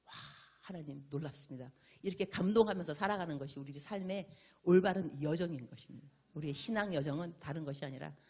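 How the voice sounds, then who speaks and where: Woman missionary giving a sermon, playful and animated, kinda husky. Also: lowish voice. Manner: animated, playful, acts out dialogues. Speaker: missionary preacher.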